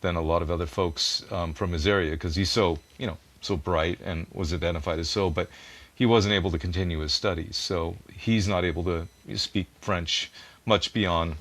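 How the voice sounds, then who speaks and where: A music producer, a native English speaker, is a guest in a conversational interview, earnestly explaining things at length and poking fun at himself. His low voice is steady, moderately paced and a bit bright.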